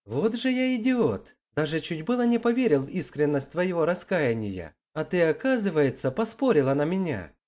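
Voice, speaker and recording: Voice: mid-range voice, big pitch swings, moderate pace, hardly any pauses, a little mellow. Narrator doing a fed-up young guy, firm and sarcastic, lots of swing in the voice. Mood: mocking. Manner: firm, then bitterly mocking. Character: young man, weary but resolute groom. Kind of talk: audiobook character reading.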